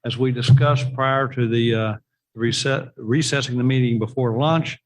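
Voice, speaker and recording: A man's voice: medium pitch, fairly even intonation, normal speed, rough recording. A man with a rural Southern hillbilly accent, explaining financial details as an adviser presenting at a meeting, using homely comparisons.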